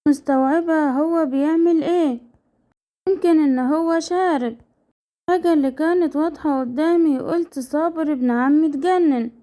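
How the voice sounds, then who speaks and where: A woman's voice: sits high, dark tone. A young woman with an Egyptian Arabic accent, telling a dramatic story in the first person. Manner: earnest, dramatic retelling.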